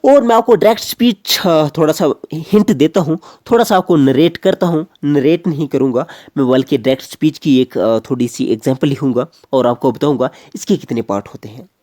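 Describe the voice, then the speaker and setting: A man's voice: a little high, a little fast, hardly any pauses, dark tone, no room sound, clean studio sound. A man teaching a grammar lecture, explaining step by step and repeating key phrases.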